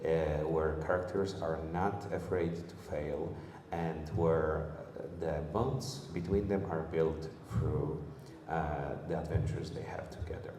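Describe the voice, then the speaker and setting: A man with a very deep voice hosts a convention panel, friendly and halting. The sound is roomy with a long reverb, and faint noise from the hall sits underneath. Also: steady tone, dark tone. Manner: friendly, halting, many uh fillers. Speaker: presenter hosting the panel. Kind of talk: convention stage presentation.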